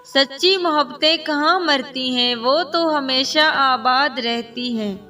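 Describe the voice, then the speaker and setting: High, bright sentimental storyteller woman. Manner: soft, sentimental. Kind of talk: emotional scripted story narration. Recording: distant mic with soft music.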